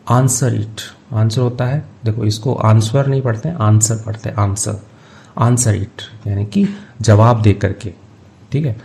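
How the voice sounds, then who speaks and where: Gravelly, dark-voiced man teaching. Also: fairly low pitch. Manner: reads English phrases slowly, then explains in Hindi. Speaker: English teacher. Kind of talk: line-by-line translation lesson.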